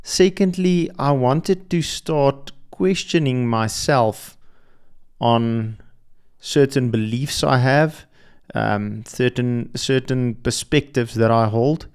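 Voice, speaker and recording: Slow and smooth, his mid-range voice carries a solo reflective podcast monologue. The host, a young adult Afrikaans native speaker, is hesitant and keeps restarting and using fillers.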